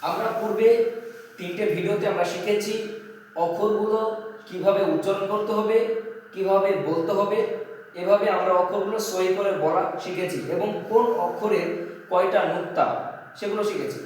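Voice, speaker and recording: A man teaching Arabic letter pronunciation step by step, drilling each letter slowly in an instructive way. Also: high-pitched, fairly even intonation. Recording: very echoey room, mic far off, faint noise.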